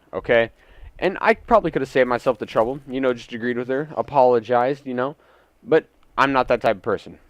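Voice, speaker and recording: Over gameplay, a young gaming YouTuber in his teens or early adulthood recounts a casual, indignant story laced with swearing. He speaks in a mid-range voice from inside his home, and there's no echo.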